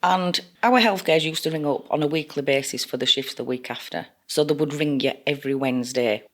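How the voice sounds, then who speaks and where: A woman's voice: sits low, a little fast. Chatty woman, nurse team leader. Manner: chatty, homely storytelling. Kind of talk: podcast interview.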